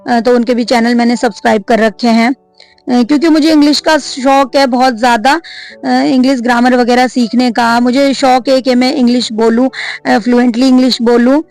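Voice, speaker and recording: A woman's voice: on the high side, steady tone, normal speed, darkish tone, soft background music. A woman in her thirties, a vlogger and mother, chatting casually to camera, many fillers, and a complaining tone.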